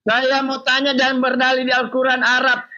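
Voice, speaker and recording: A man's voice: very high-pitched, completely flat delivery, normal speed, bright, forceful tone, highs cut off. A man as a debate guest, defensive and curt, repeating himself. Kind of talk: heated debate.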